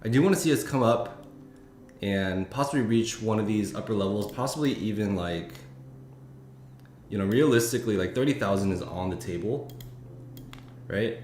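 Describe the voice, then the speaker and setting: A futures trading streamer with a low, slightly mellow voice rambles through casual live-stream market commentary, thinking aloud with many fillers and restarts. The room is echoey with faint noise, and keyboard typing can be heard in the background.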